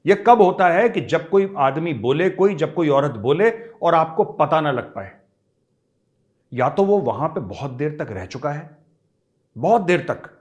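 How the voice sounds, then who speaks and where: Man, middle-aged, somewhat high voice, emphatic commentator, direct address, repeats himself for emphasis. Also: sing-song, unhurried, muffled recording. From India.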